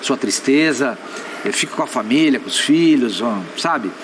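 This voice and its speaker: A man with a Brazilian accent on a studio sports debate panel, talking conversationally and dropping low and quiet when he muses. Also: lively intonation, moderate pace, slight background noise. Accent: Brazilian Portuguese.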